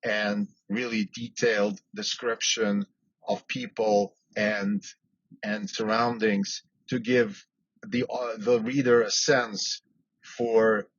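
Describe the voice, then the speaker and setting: A man's voice: on the low side, level tone, takes it slowly, husky, dry recording. A man who grew up in Switzerland, hosting a solo podcast and thinking aloud, with frequent fillers and restarts. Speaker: podcast host. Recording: dull lo-fi sound with faint background noise.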